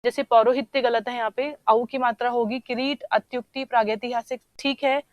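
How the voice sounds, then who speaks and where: A woman's voice: a little high, steady tone, a little fast, no room sound, muffled recording. A woman teaching a Hindi language lesson for exam preparation, patiently explaining each answer and repeating key words. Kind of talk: online exam-prep lesson.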